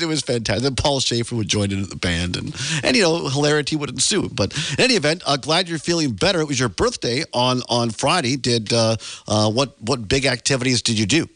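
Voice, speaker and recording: A man's voice: mid-range voice, fairly bright tone, no room sound. Man, radio host, chatty, dry studio sound. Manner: chatty, laughs often, reads weather and headlines. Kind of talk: morning radio talk and news. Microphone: studio microphone.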